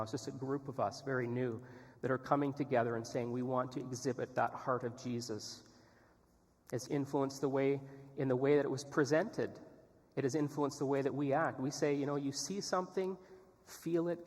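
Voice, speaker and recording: A male missionary telling an earnest, candid story as a sermon testimony in a church. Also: mid-range voice. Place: church sanctuary. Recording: long reverb in a church hall.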